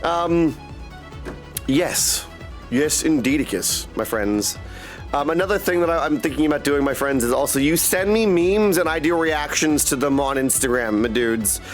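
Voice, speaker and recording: Fairly high-pitched and animated, a male game streamer chats casually with viewers at a moderate pace while faint music plays behind him. His manner is goofy, theatrical and playful, full of invented silly words and repeated shout-outs to "my dudes" and "my friends." The clip comes from an indoor desk streaming setup with a streamer microphone and headset.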